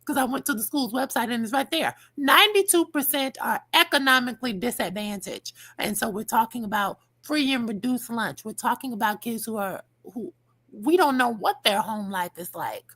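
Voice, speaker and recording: A middle-aged American woman speaks in a high, slightly husky voice with dental retainers in. Her delivery swings widely as she gives emphatic commentary on a discussion panel. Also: lively intonation, moderate pace, a bit bright.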